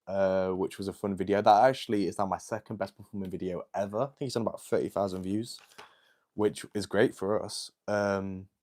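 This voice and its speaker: Chatting loosely with his livestream audience and replying to their comments, an eighteen-year-old man leans heavily on "like" and "um." He has a lowish, slightly mellow voice.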